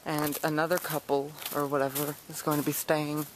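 A man's voice: fairly high pitch, little pitch movement, moderate pace, noisy background. Young man joking through a camp tour. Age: young adult. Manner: joking, teasing tour-guide chatter. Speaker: vlogger. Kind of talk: casual handheld vlog. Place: outdoors in woods at a retreat camp.

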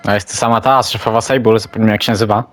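A man's voice: on the low side, fairly even intonation, racing, faint music behind. A man giving casual, chatty gameplay commentary, musing aloud as he plays. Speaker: let's play commentator.

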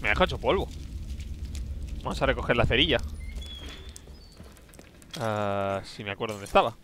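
A man's voice: mid-range voice, lively intonation, moderate pace, a bit bright, a little hiss or hum. A man from commentates a horror game, talking to himself in a nervous, jumpy way. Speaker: gameplay commentator. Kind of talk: casual gameplay commentary.

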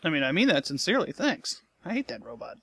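A man giving sarcastic, deadpan commentary over a video game. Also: high voice, fast, breathy edge. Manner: dry, joking, deadpan. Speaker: let's play commentator. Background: game audio.

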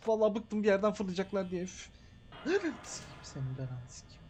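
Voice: medium pitch, lively intonation, quick pace, darkish tone, a little hiss or hum. Streamer playing a horror game live, swearing nonstop, voice jumping all over, yelps at every scare. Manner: grumbling, cursing constantly, shrieking at jumpscares. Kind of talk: live horror gameplay commentary.

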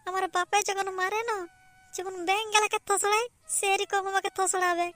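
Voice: very high voice, little pitch movement, normal speed, bright, forceful tone. A performer voicing a naive, frightened village boy with a Purulia Bengali accent who pleads and whines. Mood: scared pleading. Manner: pleading, whiny.

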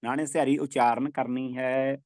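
A man teaching scripture recitation, chanting verses slowly and repeating them for practice. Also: mid-range voice, flat delivery, darkish tone, no room sound.

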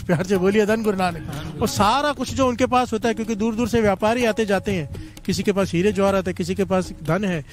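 Man preaching, north indian accent, high voice, soft music under it. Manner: repeats a call-and-response refrain to the congregation. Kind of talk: devotional sermon storytelling.

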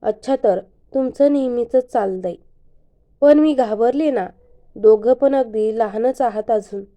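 Brief: woman doing a worried, scolding aunt, slow and warm-toned. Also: fairly high pitch, lightly acted. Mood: fussing. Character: caring middle-aged aunt, worried and scolding.

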